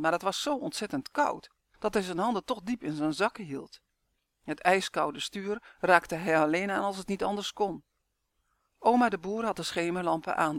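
A man narrating a storybook in a clear, even storytelling manner. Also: a little high, no room sound. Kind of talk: storybook reading.

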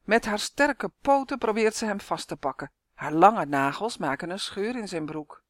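A woman reading a children's story aloud, lively and acting out the characters. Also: mid-range voice, normal speed, no echo, studio quality.

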